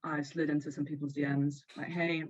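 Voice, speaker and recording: A woman's voice: deep voice, monotone, brisk, darkish tone, highs cut off, slight background noise. A young woman who grew up abroad, chatting casually as a podcast guest, giggly and full of "like". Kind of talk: casual chat.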